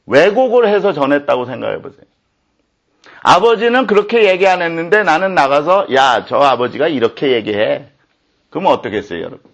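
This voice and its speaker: A man's voice: on the high side, highs cut off. A man preaching a sermon as pastor, speaking in an indignant, impassioned way.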